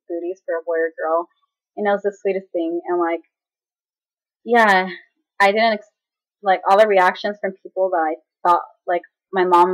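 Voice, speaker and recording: A young woman chattily retelling a personal story in a casual vlog, acting out what others said. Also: lowish voice. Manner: chatty, dramatic retelling with quoted voices and laughs. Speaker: vlogger. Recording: slightly dull lo-fi audio.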